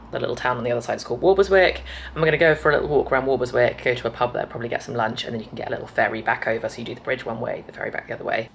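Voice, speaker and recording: A woman's voice: rumbling low, fairly bright tone, slight background noise. A woman of about thirty chatting casually to camera in a vlog, rambling and friendly with light laughs. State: a bit out of breath. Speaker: vlogger. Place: a house indoors.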